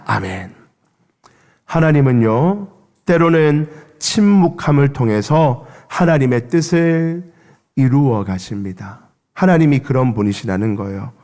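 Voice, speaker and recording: A man preaching a Sunday sermon as pastor in a church, impassioned, rising and falling sharply in pitch and loudness as he leads the congregation in reading aloud. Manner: impassioned, with dramatic swings of pitch and level. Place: church sanctuary. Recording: long church reverb.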